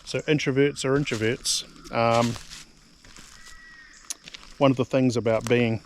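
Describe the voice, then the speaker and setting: Ums and repeated words run through the casual to-camera rambling of this middle-aged New Zealand vlogger, who has a New Zealand accent. His voice is medium in pitch with fairly even intonation and a measured pace, over faint background noise.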